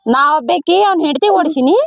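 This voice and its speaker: A quarrelsome woman with a North Karnataka Kannada accent, bickering in a comedy skit. Her voice sits very high and the words tumble out quickly. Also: lively intonation, creaky, a little mellow. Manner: quarrelsome, complaining. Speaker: mother in a village comedy skit. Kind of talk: scripted comedy skit dialogue.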